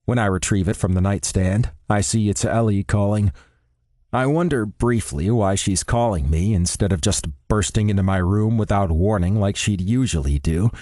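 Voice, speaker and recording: Brief: male audiobook narrator, first-person romance, wry delivery; low pitch, dry close studio sound. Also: normal speed, dark tone, no room sound.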